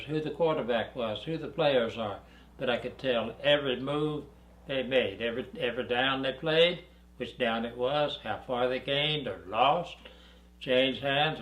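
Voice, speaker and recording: An elderly man from Arkansas tells stories from his life at an easy pace, dry and wry, chuckling now and then. His voice sits at a middle pitch and carries a roomy echo in the room. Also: a bit bright. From Arkansas, USA. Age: 80s. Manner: dry, unhurried storytelling with chuckles. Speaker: interviewee. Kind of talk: reminiscing interview. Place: dark studio backdrop, indoors.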